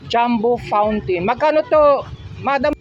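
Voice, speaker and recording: Strolling past outdoor stalls, a Filipino-accented vlogger chats with viewers like friends and asks sellers what things cost. He speaks unhurriedly in a very high-pitched voice, the audio dull and filled with crowd noise.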